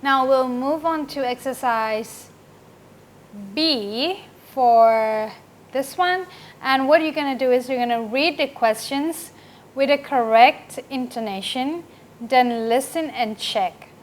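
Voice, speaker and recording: A woman's voice: high-pitched, slow. A woman teaching an English grammar lesson, patiently correcting questions and often checking in with the class. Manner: patient, checks in with "right?" and "okay?".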